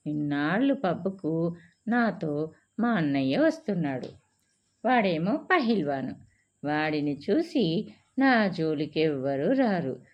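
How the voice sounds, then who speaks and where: A woman voicing a bold, outspoken young working woman who talks directly and asks pointed questions, on a dull lo-fi recording. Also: lowish voice.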